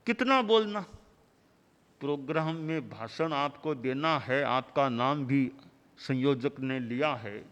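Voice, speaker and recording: A man delivering a sermon as a spiritual teacher, in measured, rhythmic lists of short phrases. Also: mid-range voice, fairly even intonation, a bit bright, lo-fi sound. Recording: long hall reverb.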